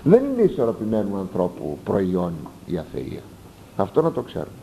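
A man preaching a sermon, reading passages aloud and explaining them with lively asides and sudden rises for emphasis. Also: on the low side, vocal fry, a little hiss or hum, poor audio. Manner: animated, rising sharply for emphasis, explanatory asides. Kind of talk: sermon expounding a text.

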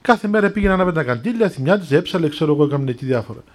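A man speaking as a monk, giving an unhurried spiritual talk full of stories and answering listeners, with frequent fillers and restarts. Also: on the high side, expressive.

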